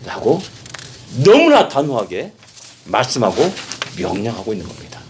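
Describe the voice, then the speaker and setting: A male pastor preaching a sermon, emphatic, with rhetorical questions and repeated phrases, swinging from soft passages to loud exhortation. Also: on the low side, very animated, moderate pace, slight background noise.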